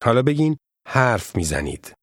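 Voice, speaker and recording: A man who is a native Persian speaker, narrating a scripted language course as the instructor, in a measured way with prompts to repeat. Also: mid-range voice, big pitch swings, dry recording, studio quality.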